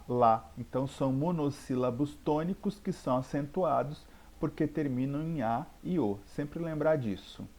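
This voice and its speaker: A man's voice: mid-range voice, dark tone. A man teaching a grammar lesson, explaining patiently and repeating key points. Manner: slow, patient explaining with repetition. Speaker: Portuguese teacher.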